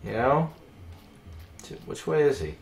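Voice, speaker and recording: A young man swearing often while giving casual gameplay commentary, with sudden loud outbursts. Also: medium pitch, big pitch swings, slow, gravelly, faint music behind. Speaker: let's play gamer. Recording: echoey room.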